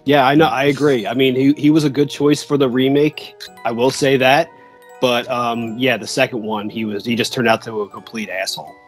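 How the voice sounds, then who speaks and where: A man's voice: medium pitch, steady tone, brisk, faint music behind. Laid-back man chatting on a video call. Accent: Philadelphia. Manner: laid-back, agreeable, lots of fillers. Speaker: podcast co-host. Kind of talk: casual chat.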